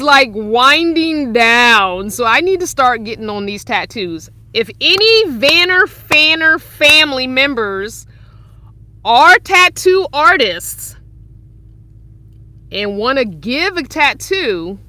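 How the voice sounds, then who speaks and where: A woman's voice: a little high, pushed and bright, dry recording. A woman in her forties talking casually and cheerfully from inside her parked van during a live stream, laughing often as she answers viewers. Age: 40s. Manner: chatty and upbeat, laughs often. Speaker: van-life vlogger reading live chat.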